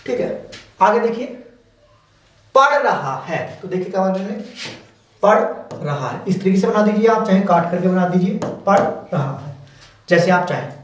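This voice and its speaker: A man's voice: sits high, expressive, normal speed, long pauses. A man teaching shorthand step by step, explaining patiently and repeating each word as he goes. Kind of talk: step-by-step stenography lesson. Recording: very echoey room, mic far off.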